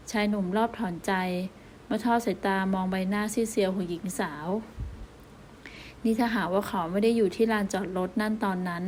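A woman reading a romance novel aloud as an audiobook narrator, calm and even. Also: medium pitch, a little hiss or hum.

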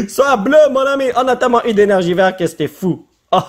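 A man with a Québécois French accent who talks in a high voice, his pitch leaping up and down as he comments excitedly. He is playful and drops English slang between his French phrases. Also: a little fast. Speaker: YouTuber opening card packs.

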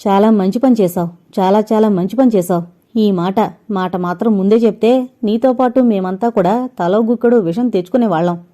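A sharp-tongued young man, as a woman narrator reads him, scolding in a mellow, relaxed voice with open sarcasm. He speaks in a storybook audio novel. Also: medium pitch, moderate pace, lightly acted. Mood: reproachful.

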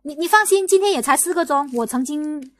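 A young woman from Guangdong holds forth on her livestream in quick, tumbling bursts. She argues insistently, restarting sentences and hammering the same rhetorical questions again and again. Her voice sits high, and the close, dry sound leaves no room echo. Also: lively intonation, fairly bright tone. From Guangdong, China. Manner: rapid, repetitive, argumentative, lots of restarts and rhetorical questions. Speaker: livestream host. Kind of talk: casual livestream commentary.

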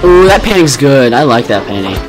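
A young man giving jokey, excitable let's play commentary as he plays a game. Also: medium pitch, a little fast, over music. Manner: hyped, jokey, loud. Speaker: gaming YouTuber.

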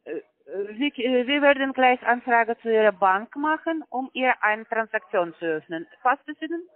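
This call center agent, a woman, pitches a sale over the phone in a slightly high, animated voice at a moderate pace. She uses broken grammar and keeps hesitating with fillers, and the tinny phone line sounds dry with no room sound.

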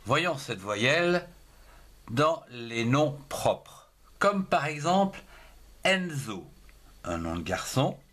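A man teaching young children to write, moving through each word at a very slow pace. He spells out every letter and syllable one at a time, his voice rising and falling in a lively sing-song. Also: medium pitch.

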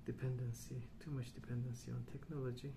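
A male ASMR host with a mid-range voice rambles in a soft, breathy way, often near a whisper. He's slow and calm, with hesitant pauses between short phrases, and the recording has clear background noise.

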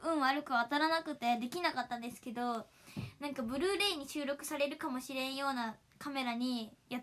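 A young woman with a high, bright voice hosts an idol livestream, chatting casually and reading out viewer comments. She's giggly and talkative, laughing often.

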